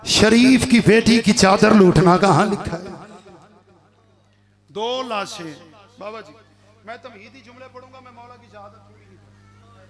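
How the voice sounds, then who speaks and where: A man with a Punjabi accent reciting a majlis to a village mourning gathering, moving from soft narration to shouted, sung lament. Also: very high-pitched. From Pakistan. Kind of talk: impassioned religious majlis oration.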